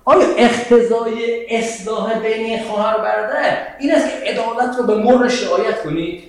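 A man gives a religious lecture with a high, lively voice. He quotes scripture and keeps questioning his listeners. The sound rings out in a strongly echoing hall. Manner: animated, asks the audience questions, quotes scripture. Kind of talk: lecture to an audience. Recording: very echoey hall.

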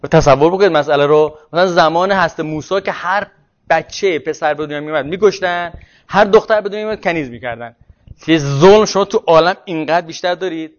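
A man's voice: a little high, muffled recording. A man giving a classroom lecture on social theory, thinking aloud and often restarting words mid-phrase.

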